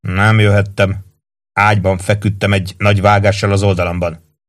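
A man's voice: lowish voice, level tone, natural voice. A man reading as a stubborn, wary deserter. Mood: insistent. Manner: insistent, defensive. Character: wary male army deserter, stubborn and defensive.

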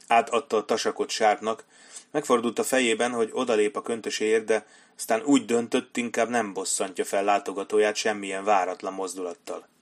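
Male audiobook narrator, lower voice, steady scripted reading.

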